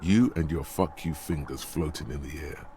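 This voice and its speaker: A man voicing a wry, all-knowing narrator in a video game, with a deep gravelly voice and sardonic delivery. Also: normal speed. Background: game music.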